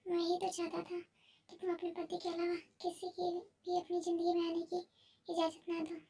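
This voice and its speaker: A woman's voice: very high voice, monotone, moderate pace, mellow, distant mic. A woman voicing a possessive, controlling young husband who speaks in a cold, commanding way.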